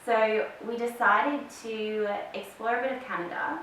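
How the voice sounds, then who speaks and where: Her voice is on the high side, steady and fairly bright, and she talks a little slowly. She's an Australian-accented woman in her thirties, a podcast guest telling her story casually with plenty of fillers. The audio has room echo, distant miking, and faint hiss.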